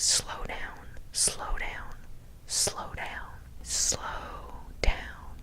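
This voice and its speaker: Woman, breathy whisper, ASMR storytelling, very slow pace, suspenseful, deliberate emphasis. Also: rough recording. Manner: hushed, deliberate, suspenseful, lingering on and repeating key words. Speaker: storyteller, ASMR channel host.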